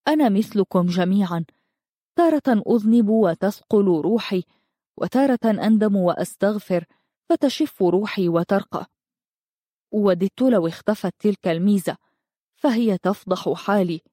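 An earnest, tender young man in a storybook, read by a woman in her own voice. The tone is mellow and warm, the sound close and dry. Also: mid-range voice, lively intonation, normal speed, no echo, lightly acted.

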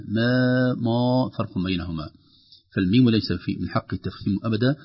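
A man teaching Quran recitation rules, slowing down to demonstrate how each sound is pronounced. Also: fairly low pitch, creaky, husky, dull audio. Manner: slows and stretches sounds to demonstrate pronunciation. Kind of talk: tajweed lesson with recited examples.

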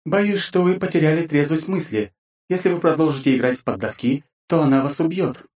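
A man voicing a female AI combat assistant who reports in a crisp, matter-of-fact way, in an audiobook. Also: a little high, fairly quick, a little mellow, voice pushed up, natural voice. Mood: warning. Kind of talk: audiobook character voice.

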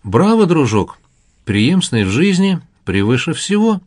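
A man's voice: on the high side, moderate pace, no echo, clean studio sound, voice pushed up, natural voice. A man reading an audiobook puts on an elderly male diplomat who speaks kindly to everyone as an equal. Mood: delighted.

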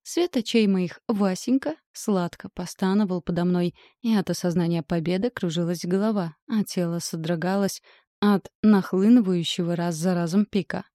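A woman narrating a first-person audiobook in a wry, steady manner. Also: lowish voice, normal speed, no room sound, clean studio sound.

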